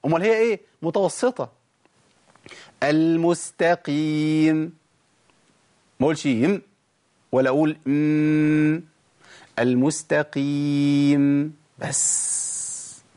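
A man with an Egyptian accent teaching tajweed on a TV show, lively, talking straight to the viewers and drawing out sounds slowly to demonstrate them. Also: on the high side. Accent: Egyptian Arabic. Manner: lively explaining, addresses the audience directly. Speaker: Quran recitation teacher.

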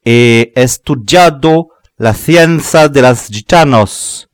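A man voicing a crafty male sorcerer who shouts shrilly at a crowd in a hollow, raised voice, in a dry, close recording. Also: mid-range voice, takes it slowly, no echo, pitched above the performer's own voice, natural voice. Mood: proclaiming.

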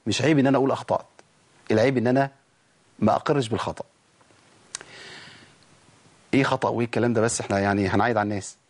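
A man with an Egyptian accent teaching tajweed on a TV show, lively, talking straight to the viewers and drawing out sounds slowly to demonstrate them. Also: medium pitch. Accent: Egyptian Arabic. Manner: lively explaining, addresses the audience directly. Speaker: Quran recitation teacher.

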